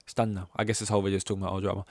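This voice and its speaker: With a deep, slightly mellow voice and flat delivery, this man talks rapid-fire in a dry recording with clean studio sound. He hosts a podcast of casual, opinionated sports rankings, rambling, swearing, sarcastic, and acting out mock quotes.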